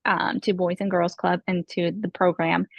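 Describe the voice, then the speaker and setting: A young woman telling stories in a casual podcast interview, excitable and chatty, acting out quoted dialogue. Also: on the low side, moderate pace, creaky, no echo, dull audio. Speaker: podcast guest, former program participant.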